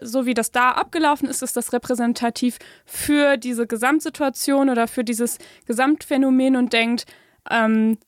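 High-voiced calm young woman. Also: normal speed, dry recording, studio quality. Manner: calm, affirming, short agreeing replies. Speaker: podcast co-host. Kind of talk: casual conversational podcast.

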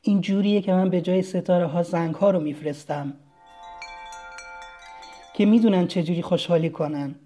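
A reader voicing a gentle, earnest young boy prince from a tiny planet in a storybook reading. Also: mid-range voice, fairly even intonation, pauses often, natural voice. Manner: soft, earnest and kind.

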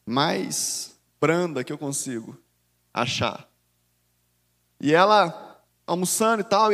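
A man's voice: fairly high pitch, a bit bright, in a large hall. A man with a Brazilian accent preaching a sermon as a bishop, talking animatedly and conversationally and often addressing listeners as "dear". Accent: Brazilian Portuguese.

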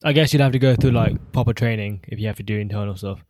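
A young man chatting casually on a podcast, agreeable and quick to go along with the others. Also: on the low side, darkish tone, no echo. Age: young adult. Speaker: podcast co-host. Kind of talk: casual chat.

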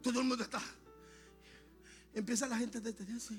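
A male Puerto Rican pastor preaching a Pentecostal sermon, shouting in tongues and then dropping to quiet storytelling. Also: extremely high pitch, fairly even intonation, brisk, faint music behind. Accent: Puerto Rican Spanish. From Puerto Rico.

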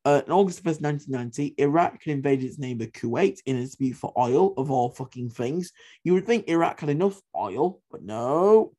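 A man with a fairly high, mellow voice hosts a history podcast. He talks in an emphatic, opinionated way, hammering home his points by repeating them and dropping the odd curse word. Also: lively intonation, fairly quick. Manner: emphatic, repeats points for stress, swears casually. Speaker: podcast host.

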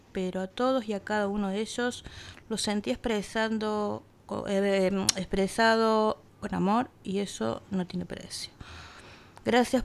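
A woman's voice: medium pitch, a little mellow. A woman reads her own reflective text in an earnest, thoughtful tone. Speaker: radio contributor.

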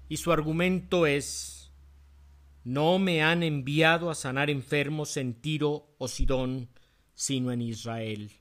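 A man preaching a sermon, citing chapter and verse in quick, lowered asides and leaning into key phrases with rising emphasis. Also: a bit bright.

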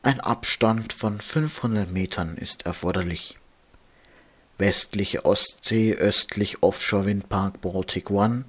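A man with a fairly low voice delivers a marine radio bulletin at a very slow pace. He reads like a formal announcer of sea warnings, measured and methodical, giving each item separately and with care. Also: slightly rough. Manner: measured, formal, spelling out with phonetic alphabet.

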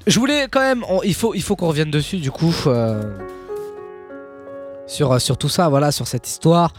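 A man hosting a radio show in lively banter, chatty and teasing, often repeating himself. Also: a little high, moderate pace, over music.

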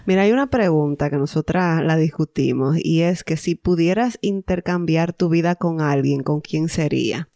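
A woman's voice: low voice, normal speed, hardly any pauses, dark tone, dry recording, clean studio sound. A woman co-hosting a casual podcast chat, telling stories and laughing often. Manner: chatty, laughs often, storytelling. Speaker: podcast co-host.

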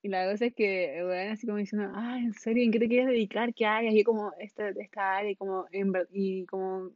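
A woman's voice: mid-range voice, steady tone, fairly quick, darkish tone, no room sound. A young woman with a Chilean accent tells a story in a loose, scattered way, heavy with slang and laughter. Her voice sits mid-range and sounds dry and close. The recording is dull and lo-fi. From northern Chile. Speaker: podcast host. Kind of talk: casual storytelling monologue.

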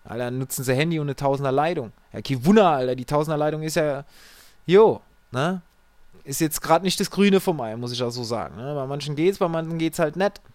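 Chatty tech support storyteller, slangy and exasperated, animated pitch, dry close sound. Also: brisk, dry recording. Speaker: tech support worker telling customer stories. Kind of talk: casual storytelling.

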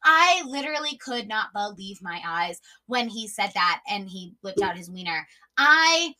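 Young woman podcaster, bright sharp voice, rambly with lots of "like" and swearing. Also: medium pitch, animated, moderate pace. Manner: blunt, swears freely, fills with "like". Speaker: podcast host. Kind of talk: casual storytelling monologue.

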